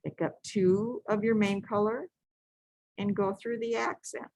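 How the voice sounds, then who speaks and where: Slow, patient woman teaching beadwork. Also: mid-range voice, steady tone, a little mellow, no echo, low-quality recording. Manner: patient, repetitive step-by-step instructions with self-corrections. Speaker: beading instructor. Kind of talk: step-by-step craft tutorial.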